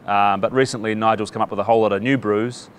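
A man's voice: fairly low pitch, fairly even intonation, quick pace. A man, a staff member at a brew bar, speaks upbeat in a documentary interview and reels off lists. A faint hum sits behind him.

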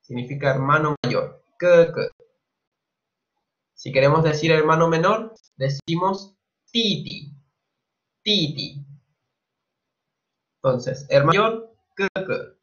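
Chilean man, slow, patient teacher, fairly high voice, muffled lo-fi computer mic. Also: fairly bright tone. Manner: slow, patient, repeats each word twice. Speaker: Mandarin teacher. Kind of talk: online language lesson.

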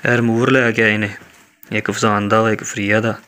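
A man's voice: fairly low pitch, level tone, fairly quick, clear, resonant tone. A middle-aged man with a Pakistani Punjabi accent, casually showing off school supplies for a home vlog and often saying "okay" and "mashallah". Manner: repetitive, with frequent tags like "okay" and "mashallah". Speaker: vlogger. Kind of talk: casual show-and-tell vlog. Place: indoor room at home. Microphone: phone camera held by the speaker. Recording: loud background noise.

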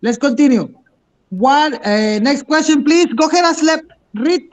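Very high-voiced male teacher. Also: takes it slowly. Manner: encouraging, switches between English and Spanish. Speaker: English teacher. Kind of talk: online class instruction.

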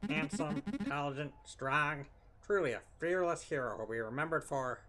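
A man's voice: a little high, animated, moderate pace, bright, forceful tone, faint music behind. A man voicing a vain, cowardly duck officer in a cartoon duck voice for a game, boastful and dithering. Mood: boastful bravado. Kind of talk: reading visual novel game dialogue in character.

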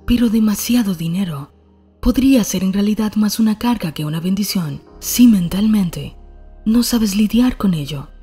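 A woman reading a scripted self-help narration in a calm, soft, breathy manner. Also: mid-range voice.

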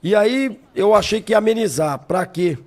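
A male chef, a podcast guest in a studio, telling an excitable story and repeating his phrases as he narrates a clip. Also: high voice, normal speed.

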